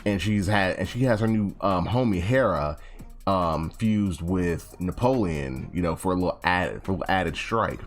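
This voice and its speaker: Deep-voiced man with a lively, rambling recap. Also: moderate pace, soft background music. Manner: rambling, slangy, self-correcting, acts out quotes. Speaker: anime chapter reviewer. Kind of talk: casual recap.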